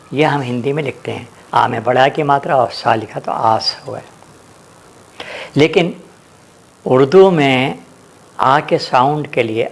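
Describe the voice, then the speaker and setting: Hesitant, patient teacher. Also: male voice, mid-range voice. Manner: explains slowly with many hesitations and examples. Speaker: Urdu teacher. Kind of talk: spoken language lesson.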